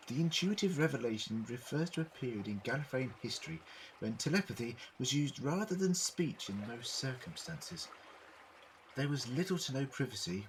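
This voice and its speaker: An actor in a fan audio drama playing an eccentric, brainy alien time traveller, explaining things theatrically in precise words. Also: male voice, medium pitch, slight background noise, lightly acted, poor audio.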